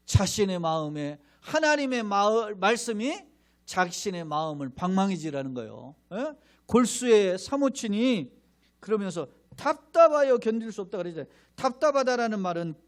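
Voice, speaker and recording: A middle-aged male pastor with a high voice preaches with fervor. He throws rhetorical questions at the congregation and slips into mocking voices to act out the crowd. His delivery rises and falls with emphasis. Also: very animated, moderate pace. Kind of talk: sermon.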